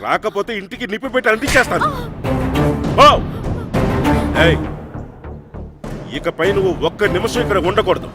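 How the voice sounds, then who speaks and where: An actor playing a stern, quick-tempered wealthy father who scolds and threatens. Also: sits high, animated. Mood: angry. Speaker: angry father. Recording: film soundtrack with loud music.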